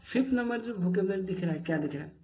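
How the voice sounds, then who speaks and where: A man's voice: sits high, expressive, fast talker. Male English tutor, drills words by repetition, phone-like lo-fi sound, light hiss. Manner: drills each word by repeating it many times. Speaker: spoken English teacher. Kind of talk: Hindi-medium vocabulary lesson. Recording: tinny phone-like lo-fi audio with faint hiss.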